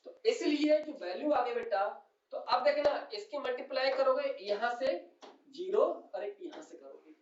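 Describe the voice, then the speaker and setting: Speaking at normal speed in a very high voice, a man teaches physics at a whiteboard. He keeps addressing students as "beta" and asks questions only to answer them himself. The audio is distant, roomy and dull, as if from the back of a classroom.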